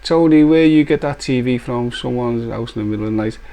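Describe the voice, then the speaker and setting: A man's voice: mid-range voice, fast, mellow. A man hosting a casual live stream, joking, teasing and laughing often.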